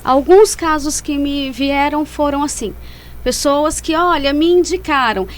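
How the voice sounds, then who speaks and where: A woman's voice: high-pitched, unhurried. A woman speaking as a psychologist guest in an interview, explaining things and rephrasing as she goes.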